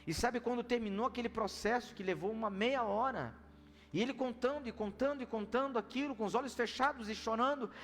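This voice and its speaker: High-voiced pastor preaching. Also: male voice, a little fast. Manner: animated storytelling, swings between loud and hushed. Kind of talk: sermon. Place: church service hall. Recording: reverberant church hall with soft music.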